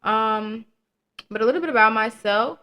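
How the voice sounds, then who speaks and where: A young adult woman, roughly twenty, chats casually on her own podcast at a moderate pace in a slightly high, sharp voice. She's candid, slangy and profane, and laughs at her own humor.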